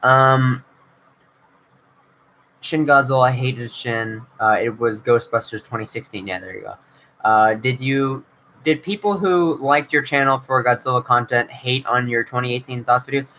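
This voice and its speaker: Speaking at a moderate pace in a mid-range voice, a young channel host tackles viewer questions on an informal livestream. The tone is bright and forceful, though he rambles, leans on fillers, and keeps restarting; the low-quality recording has a little hiss or hum.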